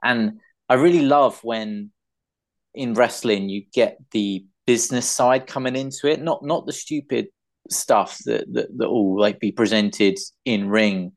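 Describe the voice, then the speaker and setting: A man's voice: mid-range voice, a little slow. A man chatting as a podcast guest, enthusiastic but hesitant, with many fillers. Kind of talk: casual chat.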